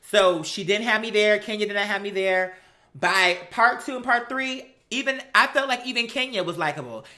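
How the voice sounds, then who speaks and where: An American woman hosts a reality TV recap and commentary show, serving up casual, blunt, sassy opinions packed with slang and swearing. Animated and profane, she acts out imagined dialogue in a mid-range voice at normal speed.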